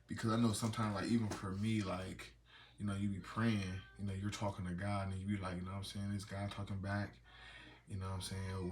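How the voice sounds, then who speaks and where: A man's voice: low voice, a little hiss or hum. A man in his thirties talking loosely off the cuff in a casual vlog, reading devotional passages aloud. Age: 30s. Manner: loose and rambling, reads scripture aloud. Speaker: vlogger.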